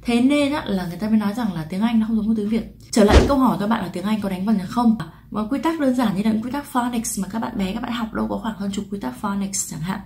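A woman from Vietnam talks quickly through an English pronunciation lesson. She chats to her viewers, asks them questions and answers them herself, and stretches out the example words. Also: mid-range voice, darkish tone, slight background noise. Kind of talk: explanatory lesson to camera.

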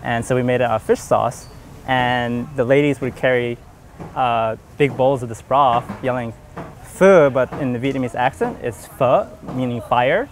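Young man, relaxed and rambly, talking about his cooking, average-pitched voice. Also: moderate pace, faint music behind. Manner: relaxed, rambling, filler-heavy. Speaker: home cook hosting a dinner party. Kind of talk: casual documentary talk.

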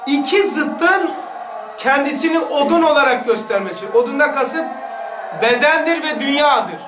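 A man's voice: extremely high pitch, echoey room, recorded from a distance. A man teaching a religious lesson, exhorting his listeners and asking them rhetorical questions.

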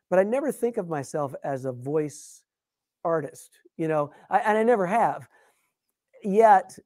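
A man's voice: fairly high pitch, no room sound, studio quality. A middle-aged man, a guest puppeteer, chatting casually in an interview and telling stories animatedly, with frequent restarts. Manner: animated, self-deprecating storyteller with frequent restarts.

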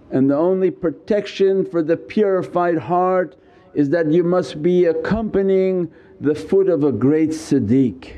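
The audio is dull as an older man with a slightly high voice teaches slowly. He's a religious teacher lecturing on spiritual matters from an ornate couch in front of curtains indoors, gesturing emphatically toward a small stand mic in front of him.

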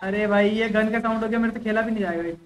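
A man's voice: sits high, steady tone, a little hiss or hum. A young man streaming a mobile shooter game live, chatting with viewers and teammates and repeating orders over and over. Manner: rapid, repeats orders over and over, teasing banter. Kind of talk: live gameplay chat and commentary.

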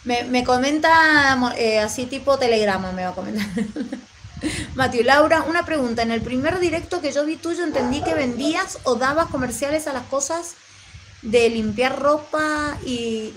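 Woman, Mendoza Argentine accent, high-pitched, affectionate livestream chatter. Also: fairly bright tone, a little hiss or hum, low-quality recording. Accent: Mendoza Argentine Spanish. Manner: chatty, affectionate, rambling with fillers. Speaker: vlogger reading live chat. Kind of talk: live stream chat.

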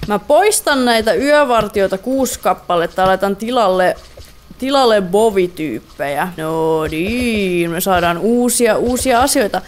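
A woman's voice: mid-range voice, animated. A young woman giving playful, chatty let's-play commentary, repeating words and mixing in English phrases. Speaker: gaming YouTuber.

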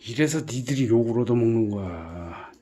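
A man talking casually in a gruff, exasperated way, scolding and sighing, with repeated commands and frequent swearing. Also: mid-range voice, animated, moderate pace, mellow. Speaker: vlogger caring for puppies.

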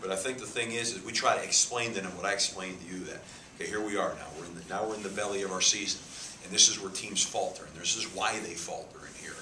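He speaks fast with few pauses, his low voice bright and forceful. A head football coach in his fifties, he answers press conference questions emphatically, gesturing and repeating himself. Recorded through a table mic cluster in a press room with a sponsor backdrop, the audio is echoey with faint hiss.

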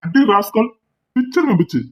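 A woman's voice: fairly high pitch, expressive, moderate pace, a little mellow, natural voice. A woman doing a stern cartoon dad. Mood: scolding. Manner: scolding. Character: stern cartoon father scolding his son.

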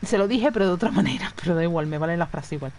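Lively Spanish-woman streaming a game. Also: fairly low pitch, racing, a little hiss or hum. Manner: chatty, swears freely, talks to the game and chat. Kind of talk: casual live gameplay commentary.

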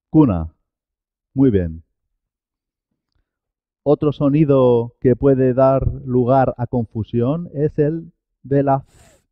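A man's voice: medium pitch, no room sound, narrow, tinny audio. A man teaching a Spanish pronunciation lesson, carefully enunciating each sound and model word. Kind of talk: slow, clear pronunciation lesson.

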